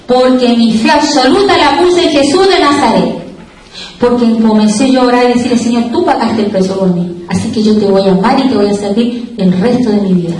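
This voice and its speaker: Woman preacher, higher voice, testimony sermon, distant mic in a very echoey hall. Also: a little fast, a little mellow. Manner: testimony told with acted-out dialogue. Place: church hall. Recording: echoey church hall from far off.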